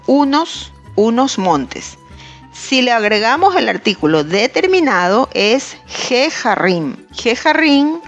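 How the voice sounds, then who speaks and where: A woman teaching a grammar lesson in a careful, scripted way, pausing to spell out each example. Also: on the high side, muffled recording. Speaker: language teacher.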